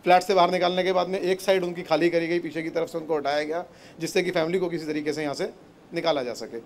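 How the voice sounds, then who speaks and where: A man's voice: on the high side, steady tone, fast, a little hiss or hum. A man at the scene giving an insistent eyewitness account to a reporter. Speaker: resident witness. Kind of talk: on-scene interview.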